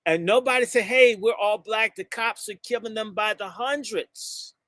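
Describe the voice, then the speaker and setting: A man from the United States delivers a fiery, impassioned speech to a live audience in a high, fairly bright voice at normal speed. He's blunt and insulting, drawing out key words for emphasis and jumping from topic to topic. The audio is studio quality with no echo.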